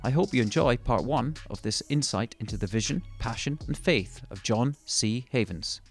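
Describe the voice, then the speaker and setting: A male podcast host with a voice of middling pitch speaks in a measured, formal way. He asks his guest questions at an even, unhurried pace. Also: faint music behind. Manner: measured and formal when introducing. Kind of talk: scripted introduction and interview questions.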